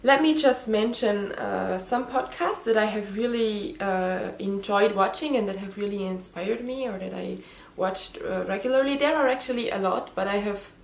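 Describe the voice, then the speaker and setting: Her voice is medium-pitched and creaky, at a moderate pace with few pauses. A woman in her thirties, a native German speaker with a slight Austrian German accent, she hosts her first knitting video podcast from her living room, talking to camera casually and hesitantly with frequent ums and restarts. The camera mic frames her head and shoulders in an echoey room.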